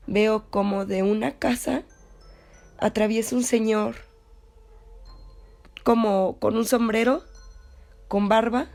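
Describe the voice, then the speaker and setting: A young Mexican woman recounts something that happened to her in an unpolished, conversational way. She wanders, fills pauses and corrects herself as she goes, at an ordinary middle pitch. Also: darkish tone. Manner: rambling, frequent fillers and self-corrections. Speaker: story contributor. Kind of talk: casual spoken anecdote.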